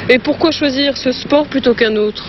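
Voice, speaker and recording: A female interviewer asks brief, polite questions out on the street. The recording is muffled and lo-fi, with clear traffic noise all around. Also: sits high, normal speed. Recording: muffled old outdoor news footage.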